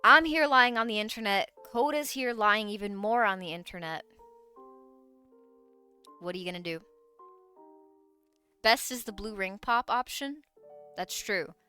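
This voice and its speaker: A woman's voice: mid-range voice, unhurried, long pauses, sharp tone, clear, resonant tone, faint music behind. A woman streamer in casual live-stream chat, playful and giggly, swearing freely.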